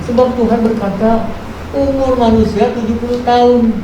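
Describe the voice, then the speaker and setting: A woman in her seventies preaches to a congregation at a live church service, exhorting with rhetorical questions and repeated phrases. Her voice is highish, fairly even, and at normal speed. The recording is very echoey, distant, and noisy, captured in a large reverberant room.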